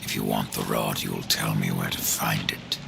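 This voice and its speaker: An actor playing Death, a grim, sardonic horseman of the apocalypse in a video game, with a gravelly, dry and terse delivery. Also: rumbling low, steady tone, moderate pace, background noise, full character voice. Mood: grim, pressing. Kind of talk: video game cutscene acting. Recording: music behind the voice.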